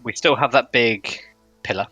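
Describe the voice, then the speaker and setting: A man's voice: medium pitch, moderate pace, bright, forceful tone, no echo, faint music behind. A man talking casually and bantering as a player in a tabletop role-playing game. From outside the United States.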